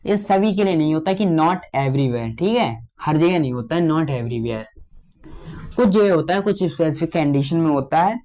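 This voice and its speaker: Higher-pitched man teaching biology, slow dictation. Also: animated, dark tone, a little hiss or hum. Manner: slow, drawn-out dictation of key terms; repeats fillers addressing students as children. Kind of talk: lecture.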